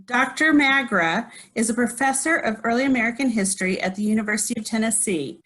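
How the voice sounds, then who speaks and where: A woman's voice: a little high, a bit bright, rough recording. Woman reading a formal introduction. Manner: measured, reads the introduction formally. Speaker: society regent introducing the speaker.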